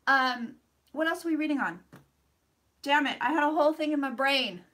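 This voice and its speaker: A woman with a high, bright voice hosts a casual livestream. She sounds a little congested as she rambles and thinks aloud. Her manner is playful and sweary, with effusive greetings to her viewers. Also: moderate pace. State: slightly congested after flu. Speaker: livestream host doing psychic readings.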